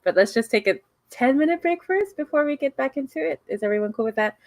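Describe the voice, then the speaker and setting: A woman's voice: high-pitched, lively intonation, fast talker, darkish tone, no room sound. A woman running a tabletop role-playing game, chatty, with lots of fillers and laughter. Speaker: game master.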